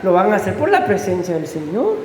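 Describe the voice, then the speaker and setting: A man's voice: high-pitched, huge pitch swings, brisk, darkish tone, a little hiss or hum. A man preaching a fervent sermon as pastor, often asking his congregation questions. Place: church sanctuary. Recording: echoey church hall with faint ambience.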